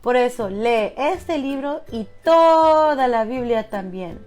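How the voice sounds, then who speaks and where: A woman hosting a children's Bible program, greeting little viewers in a bright sing-song manner. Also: fairly high pitch, lively intonation, slow. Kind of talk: children's Bible lesson and craft instruction. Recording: music behind the voice.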